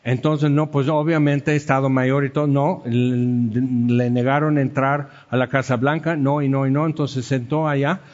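A man's voice: mid-range voice, little pitch movement, a little slow, few pauses, darkish tone, big-room sound, muffled recording. A man preaching a sermon, telling stories and acting out the quotes in them. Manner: storytelling with acted-out quotes. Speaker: pastor.

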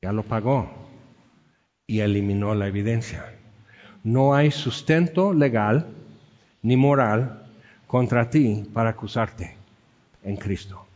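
A man's voice: medium pitch, slow, long pauses, a little mellow, big-room sound, dull audio. A man preaching a sermon, telling stories and acting out the quotes in them. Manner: storytelling with acted-out quotes. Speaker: pastor.

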